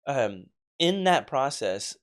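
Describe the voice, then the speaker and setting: A man's voice: medium pitch, sing-song, slow pace. Easygoing male podcast host. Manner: easygoing, affirming, thinks aloud. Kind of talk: casual interview chat.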